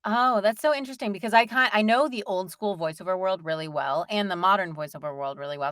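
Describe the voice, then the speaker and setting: Chatty woman, low voice, dry sound. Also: a bit bright, smooth, no echo. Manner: chatty, rambling, lots of fillers and laughs. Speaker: voice actor guest. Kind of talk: casual interview chat.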